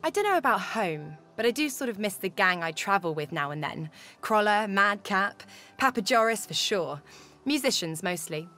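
Wry, easygoing wandering musician. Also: female voice, medium pitch, big pitch swings, normal speed, bright, forceful tone, faint music behind. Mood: warm, nostalgic. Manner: casual, conversational, reflective. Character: wry, easygoing female musician haunted by inner spirits. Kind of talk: video game companion dialogue.

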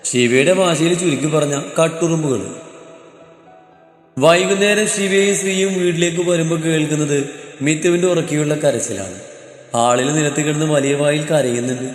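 A man narrating a romantic story in a steady, measured way. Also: a little high. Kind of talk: scripted narration. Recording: echoey roomy hall, faint music.

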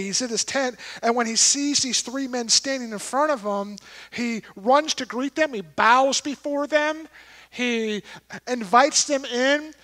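Speaking with a very high-pitched, fairly bright voice, a middle-aged man gives a sermon as pastor on a large church stage with an audience. He keeps it conversational and poses questions to those listening.

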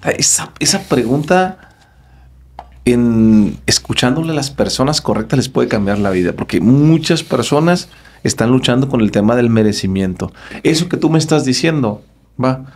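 Un hombre, presentador de podcast, que hace preguntas con calma y en tono reflexivo. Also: male voice, medium pitch, normal speed. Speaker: podcast host. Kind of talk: podcast interview.

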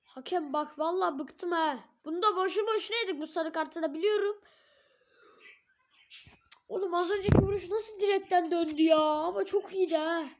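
A hoarse woman giving live gameplay commentary, swearing and yelling at the referee in frustration. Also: very high voice, moderate pace. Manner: shouts at the referee, curses and rants in frustration. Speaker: gamer. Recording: dull lo-fi recording.

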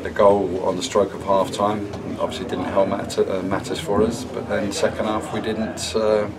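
A middle-aged man, a football manager, answering post-match questions in a measured, subdued way with many pauses. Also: lowish voice, flat delivery, far from the mic, over a noisy crowd, low-quality recording. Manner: measured, subdued, halting with fillers. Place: indoor club room, sponsor wall.

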